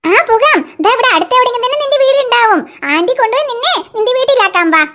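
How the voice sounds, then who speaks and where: A kind, motherly cartoon aunty who soothes and fusses over a lost little one, as a woman voices her. Her tone is very high. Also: lively intonation, very fast, a bit bright. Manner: soothing, fussing.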